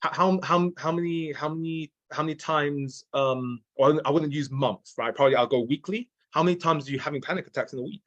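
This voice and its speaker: A man's voice: fairly high pitch, brisk, hardly any pauses, fairly bright tone, dull audio. A man teaching sales calls in a casual, repetitive way, restarting his sentences and checking in with "okay?" and "right?" as he goes. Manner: drops in mild swearing. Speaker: sales trainer. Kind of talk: casual training talk.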